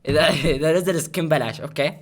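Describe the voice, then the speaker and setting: A man doing casual reaction commentary as he tries not to laugh, excitable and often repeating phrases. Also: on the high side, racing, faint music behind. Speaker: host of a try-not-to-laugh challenge video.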